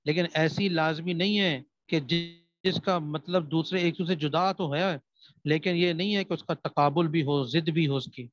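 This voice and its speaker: A man's voice: on the high side, no echo. Man teaching a recitation class. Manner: repeats questions and answers them, checks understanding. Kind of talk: classroom lesson with questions to students. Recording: dry, slightly dull sound.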